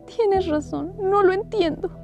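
A woman's voice: unhurried, lo-fi sound, music in the background. A woman voicing a sobbing young daughter. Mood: anguished pleading. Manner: sobbing, pleading, high-pitched. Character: grieving young woman pleading over dying mother. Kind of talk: dramatic audiobook reading.

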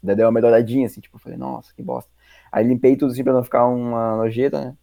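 A man's voice: medium pitch, steady tone, very fast, warm tone, no echo. A young man telling a story in a slangy, rambling way full of fillers on a casual podcast.

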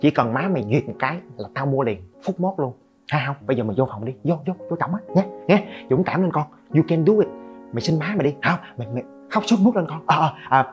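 A man's voice: on the high side, muffled recording, lightly acted. A man playing an easygoing father who teasingly pushes his son to go beg his mother instead. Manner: teasing, chummy, eggs the child on. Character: easygoing dad dodging a son's request.

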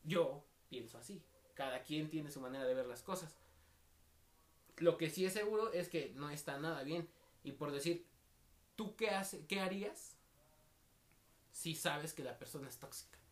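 A young man from the State of Mexico, speaking with a Mexican Spanish accent, co-hosts a laid-back podcast. His voice sits fairly high and moves at a normal speed, broken by long pauses. He tells slang-filled anecdotes and imitates the voices of the people he quotes.

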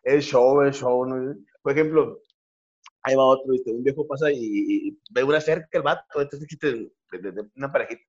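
A man's voice: medium pitch, fairly quick, dull audio. A man hosting a casual show, telling jokes in slangy Spanish and stumbling over repeated words. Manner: slangy, lively, acts out voices, repeats words. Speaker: radio host and joke teller. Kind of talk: casual joke telling with greetings.

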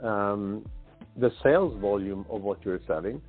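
A middle-aged man from Sweden, a pricing consultant guest on a podcast, speaking hesitantly with many restarts and throat-clearing. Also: fairly low pitch, a little slow, soft background music. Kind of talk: podcast interview. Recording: tinny phone line.

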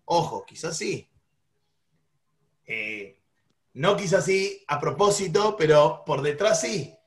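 A man with a Rioplatense Spanish accent, teaching a class in a lively way, asking the students questions. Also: on the high side, slow. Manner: animated, asks the class questions, acts out quarrels. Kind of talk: classroom lesson.

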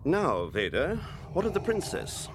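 An actor playing an imperious, scornful and ambitious imperial governor in a radio drama, with a haughty, deliberate, formal way of speaking. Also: male voice, on the high side, wildly swooping pitch, heavily acted. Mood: scornful, impatient. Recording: noisy ambience behind the voice.

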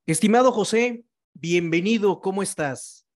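A man's voice: sits high, measured pace. A man hosting a podcast in a conversational, courteous and wordy interviewing style. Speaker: podcast host.

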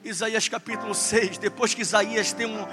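A man preaching a sermon as pastor, with passionate delivery that climbs to shouting. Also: high-pitched, fairly even intonation, fairly quick, music in the background. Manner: impassioned preaching, rising to shouts.

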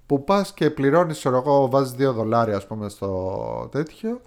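A man's voice: medium pitch, sing-song, darkish tone. A man co-hosting a podcast in casual chat, telling stories in a rambling way with many fillers. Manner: rambling, filler-heavy storytelling. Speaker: podcast co-host.

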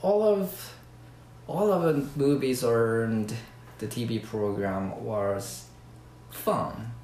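A man with a Japanese accent, a native Japanese speaker chatting casually on a podcast in halting learner English. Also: medium pitch, a little mellow, echoey room, slight background noise, low-quality recording. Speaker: podcast host.

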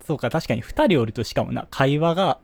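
A young man with a Kansai accent, chatting casually as a podcast co-host, musing with quick asides. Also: medium pitch, expressive, vocal fry, a little mellow. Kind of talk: casual chat.

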